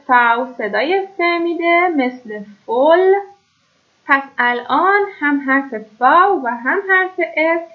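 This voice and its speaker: High-voiced woman teaching German sounds. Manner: slow, drawn-out model words between brisk explanations. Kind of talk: pronunciation lesson. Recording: dull lo-fi recording.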